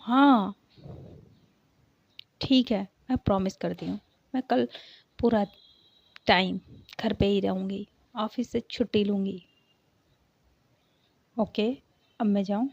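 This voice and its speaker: A woman's voice: medium pitch, takes it slowly, gravelly, pauses often, a little mellow, dry recording. A woman voicing an earnest young woman who pleads and argues with her mother, in a storybook reading. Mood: insistent. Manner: pleading, insistent. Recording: dull lo-fi recording.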